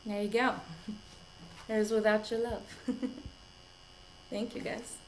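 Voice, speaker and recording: A woman songwriter chatting softly on a video call, giggling and trailing off between thoughts. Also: fairly high pitch, level tone, takes it slowly, rough recording. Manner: soft-spoken, giggly, trailing off. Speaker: songwriter guest. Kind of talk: casual chat on a video call.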